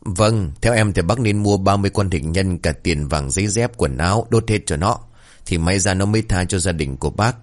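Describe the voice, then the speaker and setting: A man's voice: low-pitched, normal speed, lightly acted. A man voicing a sly young village man who teases and jokes. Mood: teasing. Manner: teasing.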